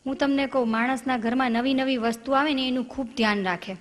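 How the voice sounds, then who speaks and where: A woman's voice: sits high, steady tone, fast talker, big-room sound. A woman comedian, telling jokes and stories straight to the audience in a chatty way. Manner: chatty, addresses the audience directly. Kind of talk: comic storytelling.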